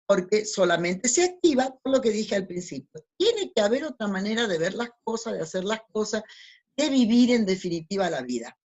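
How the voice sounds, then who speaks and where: A woman with a mid-range, slightly mellow voice lectures from slides as a spiritual teacher. Her style is didactic: she poses rhetorical questions, answers them herself, and often tacks on tag questions.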